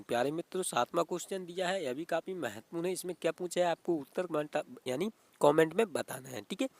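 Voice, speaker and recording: Man, reasoning teacher, fairly high voice, dry close sound, repetitive checking-in. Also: vocal fry, dry recording. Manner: repetitive, keeps asking "what is it" and saying "okay". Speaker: exam prep teacher. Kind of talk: explaining reasoning questions.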